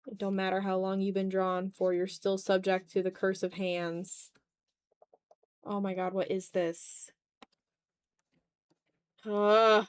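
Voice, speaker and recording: Speaking slowly and pausing often, this woman keeps a level tone in a clean, medium-pitched voice with no room sound. She's in her twenties, chatting casually on an art livestream from a room at home, muttering while drawing, self-deprecating and casually sweary.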